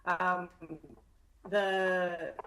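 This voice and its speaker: A woman's voice: lowish voice, little pitch movement, bright, forceful tone, a little hiss or hum. A woman councillor speaking at a council meeting over a video call, her audio stuttering and cutting out from a bad connection. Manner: speaks haltingly through cut-outs. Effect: buffering, stuttering video call audio. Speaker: town councillor.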